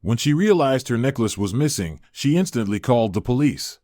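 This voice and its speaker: Guy reading a story out, even and measured, mid pitch, dry close sound. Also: no room sound. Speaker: narrator. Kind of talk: scripted narration.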